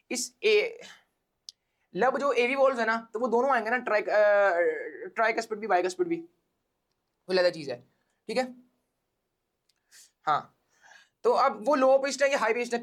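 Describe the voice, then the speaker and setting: A man with a Pakistani accent gives a casual biology lecture to exam students in an extremely high, slightly bright voice. He explains step by step, repeats key points, and checks that they're following.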